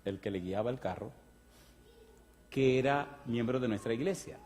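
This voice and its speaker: A man preaching a sermon with emphatic calls to the congregation. He reads scripture slowly and deliberately. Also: medium pitch, a little mellow, long reverb tail. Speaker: pastor.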